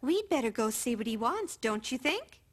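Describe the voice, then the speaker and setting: A woman voicing a patient cartoon grandmother who gently coaxes and reassures a frightened child. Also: on the high side, sing-song, normal speed. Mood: reassuring. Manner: soothing, coaxing, reassuring. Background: music.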